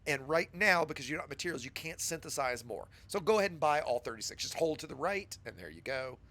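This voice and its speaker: Fast, expressive and forceful, a man with a bright, slightly high voice patiently explains game setup to a new player step by step. A cold has made his voice scratchy, and he chats with viewers like an instructor in a casual tutorial.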